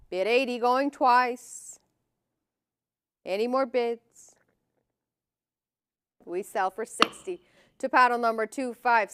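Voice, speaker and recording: A woman's voice: on the high side, clear, resonant tone, no echo, studio quality. A woman working as an auctioneer, calling lots and bids in a formal, clipped, repetitive manner.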